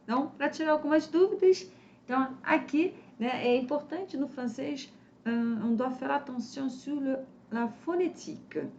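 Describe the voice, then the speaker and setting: A woman with a Brazilian Portuguese accent teaching French in a casual lesson, slowly repeating sounds to demonstrate them. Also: high-pitched, darkish tone, dull audio, slight background noise.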